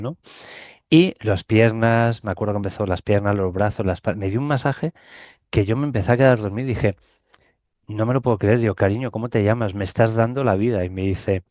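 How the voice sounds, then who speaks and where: A man's voice: fairly low pitch, fairly even intonation, brisk, darkish tone, no room sound, clean studio sound. A middle-aged Spanish man with a Spanish accent, telling a personal story in an interview and animatedly acting out the dialogue. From Spain. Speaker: guest recounting a near-death experience.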